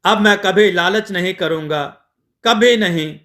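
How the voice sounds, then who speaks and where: A man voicing a greedy middle-aged moneylender who frets and pleads, in a slow, bright voice. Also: high voice. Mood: remorseful. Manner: fretful, pleading, then remorseful.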